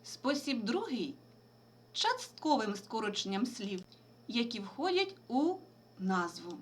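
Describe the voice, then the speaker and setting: A woman teacher with a high voice and a lot of movement in her pitch, giving a remote school lesson. She explains each point clearly and spells out abbreviations letter by letter at a slow, deliberate pace. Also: a bit bright.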